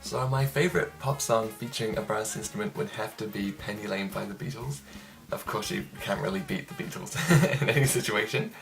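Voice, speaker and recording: A young man, a trumpet player casually answering interview questions in a relaxed, chatty way with frequent ums. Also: on the low side, fairly quick, vocal fry, soft background music. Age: young adult.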